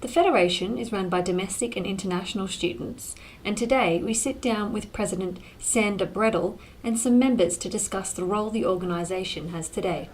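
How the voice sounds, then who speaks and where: Woman interviewer, mid-pitched presenter voice, frequent soft murmurs, faint ambience behind. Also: fairly quick, hardly any pauses, slight background noise, low-quality recording.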